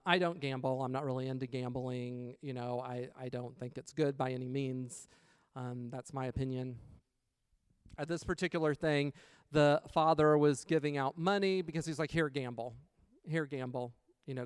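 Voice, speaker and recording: A man tells a personal story in a relaxed sermon style, acting out the voices of the people he quotes. His voice sits a bit high and rings clean and smooth. The sound is dry and close, with no room echo. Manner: animated storyteller, acts out quotes. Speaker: preacher sharing a testimony.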